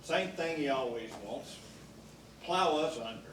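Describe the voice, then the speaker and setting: A man acting a weary, gentle middle-aged father in a community theatre play, recorded from far off on stage. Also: a little high, lively intonation, a little slow. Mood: weary, patient. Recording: distant echoey stage recording, clear noise.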